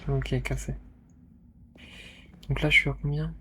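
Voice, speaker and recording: A man's voice: mid-range voice, level tone, unhurried, background noise. Man muttering through a solo game. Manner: muttering to himself, shouting spell words. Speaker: streamer. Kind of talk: casual let's-play commentary.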